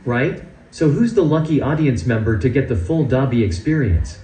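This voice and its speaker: A sarcastic, grumpy robot assistant, voiced by a synthetic male text-to-speech voice delivers dry, mock-theatrical quips. The tone is mellow and soft, but the pitch swings in a lively, exaggerated way. The voice comes through a loudspeaker and echoes around a large hall. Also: normal speed.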